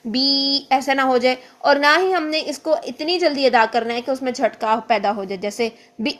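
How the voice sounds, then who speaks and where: Patient woman teaching Quran reading. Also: high voice. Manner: patient, repeats points, slows to demonstrate sounds. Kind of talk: explanatory lesson with recited examples.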